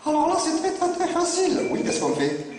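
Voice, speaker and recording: A man's voice: wildly swooping pitch, brisk, darkish tone, slight background noise, heavily acted. A male ventriloquist voicing a cheeky female puppet who acts dumb and cracks jokes. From Australia. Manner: sassy, smart-alecky, squeaky. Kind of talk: ventriloquist act. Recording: roomy hall, far from mic, crowd.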